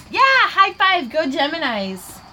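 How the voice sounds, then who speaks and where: A giggly young woman with a lilt, slightly tipsy, rambles happily through viewer questions while she crafts. Her voice sits a bit high, and she laughs between sentences. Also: sharp tone, a little hiss or hum. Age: 20s. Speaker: craft vlogger hosting a live Q&A. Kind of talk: casual livestream chat while crafting.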